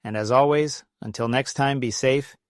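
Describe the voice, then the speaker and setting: Middle-aged male storyteller, mid-pitched and level, telling corny dad jokes in a scripted monologue, dry recording. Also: moderate pace, clean tone, dry recording. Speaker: comedy storyteller and host.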